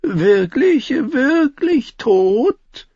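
A sharp-tongued dwarf nobleman with a high, loud, teasing voice that swoops from word to word. His mockery rides on a husky, slightly dull and dry audiobook recording. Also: very animated, drawn-out words, dry recording, exaggerated voice. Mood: mock concern. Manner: sardonic, teasing, raised and loud. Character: quick-witted mocking dwarf nobleman, adult man.

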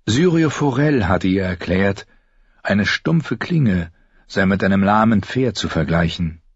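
A man reading an audiobook as narrator, in a lively, expressive way, in a dry, slightly dull lo-fi recording. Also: low voice, unhurried, husky, dry recording. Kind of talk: scripted narration.

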